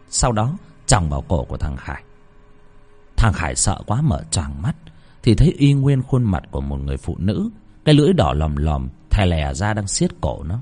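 A man narrating a horror story in a dramatic, lively storytelling manner. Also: fairly low pitch, slightly rough.

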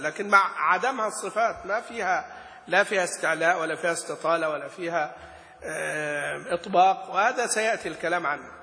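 Bright-voiced male teacher in an echoey hall. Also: sits high. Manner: demonstrates letter sounds aloud and chants quoted verses; poses questions to students and answers them himself. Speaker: Quran recitation teacher. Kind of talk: explaining a classical recitation poem in a lesson. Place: Gulf region. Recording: echoey room with long reverb.

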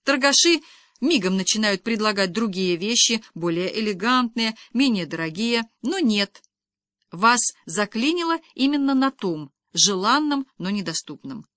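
A woman narrating a novel as an audiobook reader, with expressive, ironic storytelling, recorded close to a studio mic. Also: medium pitch, a little slow, no room sound.

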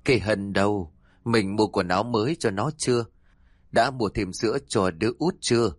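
A man's voice: fairly low pitch, moderate pace, dry recording, clean studio sound, close to an everyday voice. A man voicing a faint, dying middle-aged wife who murmurs weakly.

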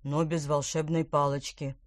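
A woman's voice: sits low, level tone, normal speed, no echo, close to an everyday voice. A woman reading a storybook, voicing a cheeky, fat male carp who gurgles dry asides.

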